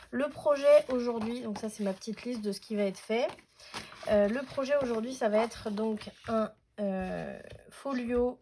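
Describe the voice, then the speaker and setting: A woman's voice: fairly high pitch, darkish tone, slight background noise. Chatty French-speaking woman crafting tutorial. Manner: chatty, hesitant with many fillers. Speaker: scrapbooking tutorial host.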